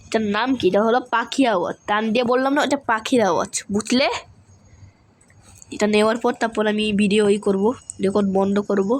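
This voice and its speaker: A woman's voice: medium pitch, steady tone, moderate pace. A young woman chatting casually over a game, quizzing her viewers and calling them brother. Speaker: gaming video creator. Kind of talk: casual gameplay commentary.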